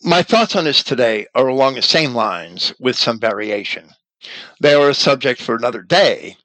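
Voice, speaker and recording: A man giving a measured, deliberate lecture on scripture and language, now and then pausing to correct himself. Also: mid-range voice, expressive, fairly bright tone, no echo, poor audio.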